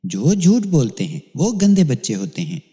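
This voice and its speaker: A man's voice: medium pitch, wildly swooping pitch, warm tone, long reverb tail, dull audio. A man voicing an innocent, earnest eight-year-old boy with a raised, eager voice in a read-aloud crime story. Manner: eager, naive replies.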